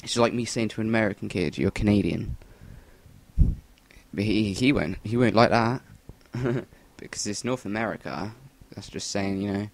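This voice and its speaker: A man's voice: lowish voice, moderate pace, gravelly, hardly any pauses, dry recording. A young English man giving rambling, sweary voice-over commentary on a shooter game into a cheap USB mic. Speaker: gameplay commentator. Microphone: Rock Band USB mic.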